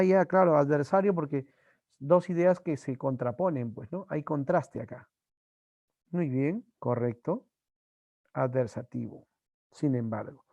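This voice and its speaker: A male teacher from Peru giving an online language class, slowly repeating examples and his students' answers. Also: a little high, vocal fry, darkish tone, no echo, muffled recording.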